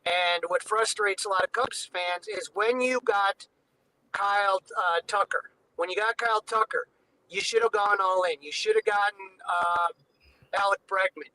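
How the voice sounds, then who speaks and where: A man's voice: high voice, moderate pace, sharp tone, a little hiss or hum, poor audio. A man talking baseball as a podcast guest over a video call that breaks up, loose and chatty with lots of fillers. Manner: loose and conversational, many "you know" fillers. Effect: heard over a video call with a breaking-up connection. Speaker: podcast guest covering the Cubs. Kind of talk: casual baseball chat.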